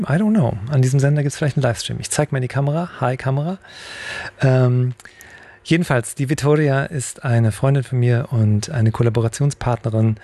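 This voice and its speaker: Gravelly man hosting a radio talk show. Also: mid-range voice, darkish tone, no echo. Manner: chatty, loose, with many fillers. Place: radio studio.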